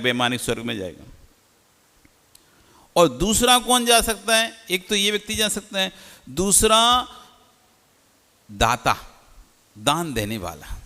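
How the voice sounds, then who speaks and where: एक पुरुष जैन मुनि प्रवचन दे रहे हैं, श्रोताओं से सवाल पूछकर खुद उत्तर देते हुए, उपदेशात्मक अंदाज़ में।. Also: male voice, on the high side, pushed and bright. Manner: didactic, asks the audience questions and answers them. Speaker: Jain monk giving a discourse. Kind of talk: sermon. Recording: long hall reverb.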